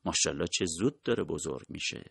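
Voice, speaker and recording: A man reading the lines of a weary, gentle wife in a storybook, keeping his own low voice and speaking quietly and wistfully. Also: lively intonation, creaky, husky, dry recording, clean studio sound, heavily acted. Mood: earnest.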